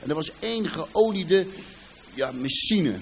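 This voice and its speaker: A man's voice: a little high, expressive, a little slow, gravelly, a bit bright, a little hiss or hum. A man from Rotterdam with a Rotterdam accent, giving a personal testimony to a live audience and acting out the dialogue as he tells it. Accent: Rotterdam Dutch. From Rotterdam, Netherlands. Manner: vivid storyteller who acts out dialogue and addresses the audience directly. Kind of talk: personal life story told to a live audience. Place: in front of a seated audience.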